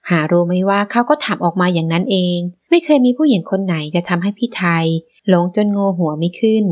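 A woman narrating a romance novel as an audiobook, in a measured storytelling manner. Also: mid-range voice, lo-fi sound.

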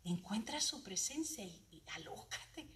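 A woman pastor preaching a fervent sermon, swinging from soft near-whispers to loud cries. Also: medium pitch, expressive, unhurried. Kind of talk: Spanish-language church sermon. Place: church sanctuary. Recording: echoey church room with faint noise.

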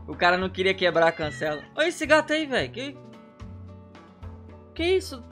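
A young man with a Brazilian accent giving excited, slangy reaction commentary on game clips, exclaiming and repeating short phrases. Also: high voice, brisk, faint music behind. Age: young adult. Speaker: gaming reaction video host.

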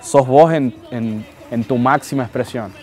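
A man's voice: mid-range voice, unhurried, darkish tone. A man in his twenties from Tucumán with an Argentine accent, talking casually and hesitantly in an interview, often repeating words. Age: 20s. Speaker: freestyle rapper interviewed.

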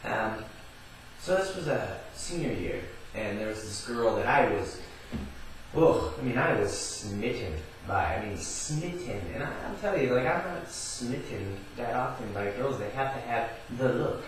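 A man casually telling a personal story, rambling with lots of fillers and building to excited yelling. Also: medium pitch, a little slow, a little hiss or hum. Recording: very echoey room, far from mic.

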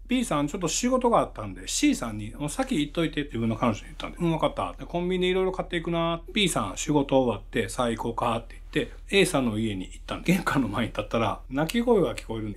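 Lively Kansai man telling ghost stories. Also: mid-range voice. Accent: Kansai Japanese. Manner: animated, acts out the people in the story. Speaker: ghost story teller. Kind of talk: spoken true ghost story telling.

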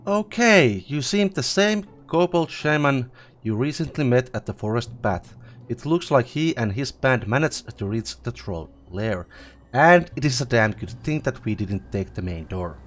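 A man's voice: mid-range voice, expressive, a little slow. A man casually commenting as he plays a fantasy game, thinking aloud and reacting to the fight. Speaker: let's play host.

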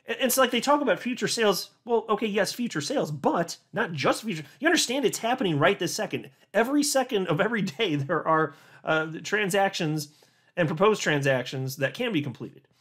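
A man's voice: sits high, lively intonation, fairly quick, a bit bright, slightly rough. A man hosting a crypto commentary, reading a legal filing aloud and reacting with sarcastic disbelief, often restarting words as he gets worked up. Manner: incredulous, sarcastic, laughs in disbelief.

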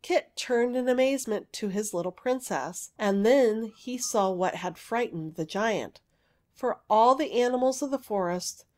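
A woman's voice: fairly high pitch, unhurried. Woman reading a fairy tale aloud. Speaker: narrator. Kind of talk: audiobook fairy story reading.

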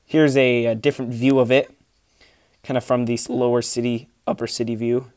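Man, casual rambling vlogger, dry close phone sound, mid pitch. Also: level tone, normal speed, darkish tone, dry recording. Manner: rambling, many fillers and restarts. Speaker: Lego city builder and channel host. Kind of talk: casual vlog walkthrough. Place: indoor room with a large Lego table, behind the camera.

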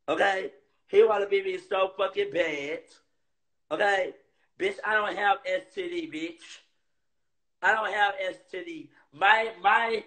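A man rants on a livestream in a high, piercing voice, taunting and repeating himself as he goes. He talks into a phone, and the sound rings with room echo. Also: fairly bright tone. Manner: confrontational, taunting, repetitive. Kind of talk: heated livestream rant. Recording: roomy echo.

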